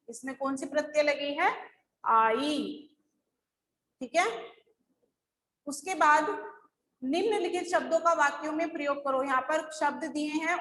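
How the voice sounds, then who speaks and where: A woman's voice: high-pitched, pushed and bright, echoey room, slight background noise, low-quality recording. A woman schoolteacher going over lesson answers, explaining patiently step by step. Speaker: school teacher. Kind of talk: recorded class lesson.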